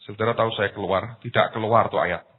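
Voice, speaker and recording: Older male pastor, Javanese accent, lively storytelling sermon, husky tone, tinny lo-fi recording. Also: on the low side, brisk. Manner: animated, switches into Javanese, acts out dialogue. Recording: tinny phone-like sound.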